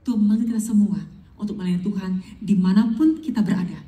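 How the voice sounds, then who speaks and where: A middle-aged woman pastor preaches and tells her own story with lively, animated retellings. Her voice is dark and mellow. She sounds like she's in a roomy, echoing hall, standing a little way back from the microphone. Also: mid-range voice, quick pace, distant mic. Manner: animated storytelling, acts out pleading in English. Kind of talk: sermon with personal testimony.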